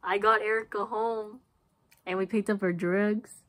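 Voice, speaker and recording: A woman's voice: mid-range voice, steady tone, measured pace, fairly bright tone, no room sound. A woman in her twenties chatting casually and playfully to a phone held at arm's length. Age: 20s. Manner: playful, joking. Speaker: vlogger and caregiver friend. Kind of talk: casual vlog chat. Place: car and small home rooms.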